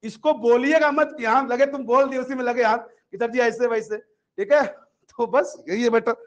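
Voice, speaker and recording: High-pitched man teaching an exam class. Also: steady tone, normal speed. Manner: chatty, addresses students as "beta" and "bhaiya". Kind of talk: classroom lecture. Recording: dull lo-fi recording.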